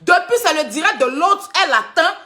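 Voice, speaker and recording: A woman rants on a livestream, defending herself against critics. Her voice is high and bright, and her pitch swings widely as she retells the quarrel. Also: very animated, brisk, a little hiss or hum. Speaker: social media personality. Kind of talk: livestream rant addressing critics.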